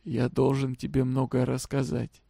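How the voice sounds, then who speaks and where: A man voicing a sick, weary middle-aged father who talks quietly, almost whispering, and slowly. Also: medium pitch, completely flat delivery, creaky, breathy edge, dry recording, clean studio sound. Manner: quiet, near whispering, slow.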